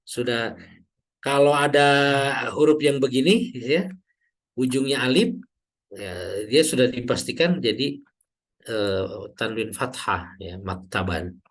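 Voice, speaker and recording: A man teaching Arabic grammar in an online class, explaining slowly and drawing out example words, often checking in with "ya". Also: medium pitch. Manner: slow, drawn-out teacher's explanation with frequent "ya" checks.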